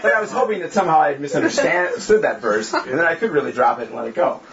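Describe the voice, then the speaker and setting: A crowd can be heard behind a young small-group church leader as he speaks fast in a higher-pitched voice. His informal sermon is candid and self-mocking, with impressions of the voices he quotes, and the echoey room yields dull, lo-fi audio.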